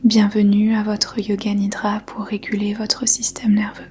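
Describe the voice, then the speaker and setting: Speaking in a breathy whisper at medium pitch, a woman guides listeners through a yoga nidra meditation. Her calm, soothing instructions come slowly in short phrases with gentle pauses, and faint music sits in the background.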